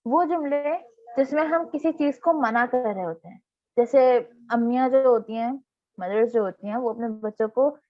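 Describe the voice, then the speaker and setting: High-voiced teacher on a tinny line. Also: female voice, no echo. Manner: patient explaining, reading English examples slowly, frequent "theek hai" check-ins. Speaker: online English teacher. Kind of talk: online class lesson explaining grammar. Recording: tinny phone-like online class audio.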